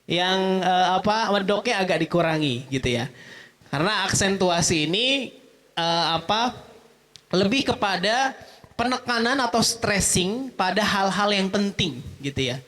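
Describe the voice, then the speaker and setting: Lively high-voiced man teaching a workshop. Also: a little slow. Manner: asks the audience questions and answers them himself; animated, with frequent "gitu ya" tags. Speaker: public speaking trainer. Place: mosque event hall.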